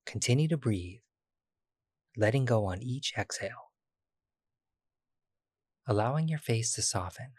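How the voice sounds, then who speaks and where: A man guiding a body-scan meditation, speaking slowly and soothingly with long pauses. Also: mid-range voice, lively intonation, a little mellow, breathy edge, dry recording, studio quality. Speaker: meditation guide.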